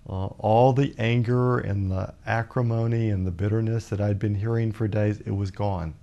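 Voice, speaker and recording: A man in his fifties from Alabama, a guest author telling a personal story in a measured, reflective way with many pauses. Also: fairly low pitch, steady tone, vocal fry, mellow, muffled recording. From Birmingham, Alabama, USA. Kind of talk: personal storytelling in a talk show interview.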